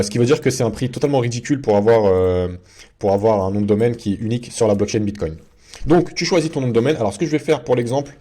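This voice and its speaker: A man hosts a casual screen-share tutorial video, chatting along with many fillers and restarts. His voice is on the low side, warm, with vocal fry.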